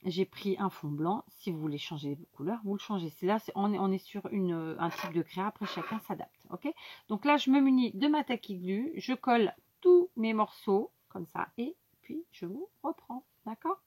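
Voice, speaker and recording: A woman's voice: medium pitch, expressive, normal speed, darkish tone, slightly rough. A woman hosting a casual craft tutorial, explaining each step to her viewers with many fillers and asides. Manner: talks directly to viewers.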